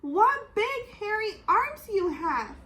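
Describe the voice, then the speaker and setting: A woman's voice: very high-pitched, sing-song, takes it slowly, bright, forceful tone, echoey room, pitched above the performer's own voice, full character voice. A woman voicing a sweet, trusting little girl in a storybook, with a careful, wondering manner. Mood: wary, surprised.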